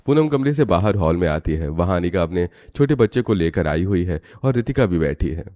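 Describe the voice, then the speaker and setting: Guy narrating a cartoon story, deep low voice, mellow, steady. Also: fairly quick.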